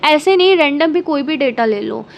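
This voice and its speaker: Woman, lecturer, high-pitched, exam prep lesson, step-by-step explaining, mixes in English terms, faint background hiss. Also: lively intonation, moderate pace, creaky, dull audio. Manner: explains step by step with frequent "ठीक है" check-ins.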